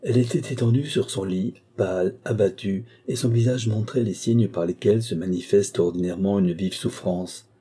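A man narrating a classic novel in a measured, even literary reading. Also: fairly low pitch, husky. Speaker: audiobook narrator. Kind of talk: scripted narration.

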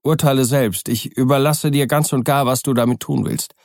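A man's voice: steady tone, moderate pace, gravelly, darkish tone, no echo, clean studio sound, natural voice. A man reading an audiobook, voicing a frightened, nervous middle-aged doctor in an agitated, pleading tone. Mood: nervous earnest. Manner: agitated, pleading, higher-pitched.

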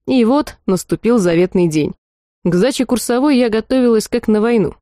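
A woman narrating an audiobook in lively first-person storytelling. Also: on the high side, normal speed, no echo, clean studio sound. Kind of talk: scripted narration.

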